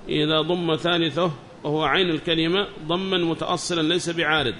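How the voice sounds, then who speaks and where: A man's voice: fairly high pitch, level tone, fairly quick, bright, forceful tone, slight background noise. A man teaching a lesson on classical Arabic grammar. He reads a text aloud, explains it, and asks his students questions as he goes.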